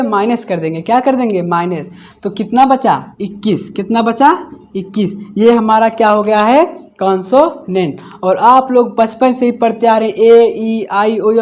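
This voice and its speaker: High-voiced man teaching grammar. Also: a little mellow. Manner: asks a question, then repeats the answer; explains slowly, step by step. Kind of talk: classroom lesson.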